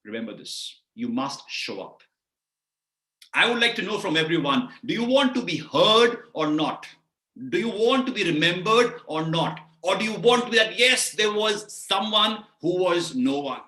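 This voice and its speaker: Indian guy coaching on a webinar, slightly high voice, lots of vocal variety, echoey room. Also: moderate pace. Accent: Indian English. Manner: animated, lots of vocal variety, keeps asking the audience questions. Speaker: career coach giving a webinar talk. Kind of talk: live webinar talk on public speaking.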